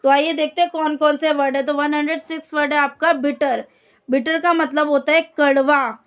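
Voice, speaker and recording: High-voiced woman teaching word lists. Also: steady tone. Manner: repeats each word and its meaning slowly, addresses students directly. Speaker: English teacher. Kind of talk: vocabulary lesson, reading word lists.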